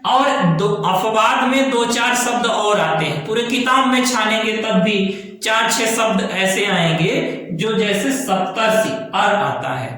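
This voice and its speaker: A man teaching a grammar lesson, explaining slowly and repeating key terms while checking that students follow. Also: high voice, sharp tone. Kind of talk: classroom lesson. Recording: very echoey room.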